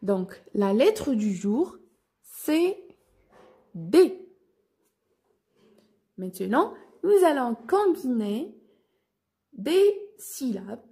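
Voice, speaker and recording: A woman teacher with a North African French accent, giving a slow phonics lesson for children and carefully spelling out each syllable. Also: on the high side, very animated, warm tone, breathy edge.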